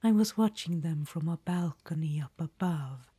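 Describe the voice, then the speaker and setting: Whispering breathily, a woman voices a vain undead witch-queen of great age for an audio roleplay, calling the listener darling in a languid, conspiratorial mood. Her voice is low-pitched and warm, at a moderate pace, in a dry recording.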